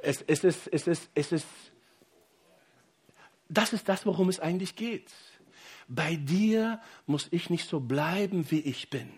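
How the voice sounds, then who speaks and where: A middle-aged man, a pastor, preaching a sermon with rising emphasis and pauses, addressing the congregation directly. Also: on the high side, lively intonation, breathy edge.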